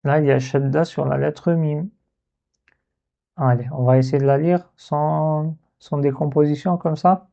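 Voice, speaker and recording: A man's voice: on the high side, steady tone, a little slow, creaky, dark tone. A man teaching a reading lesson step by step, patiently repeating syllables to demonstrate pronunciation. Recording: dull, muffled lo-fi recording.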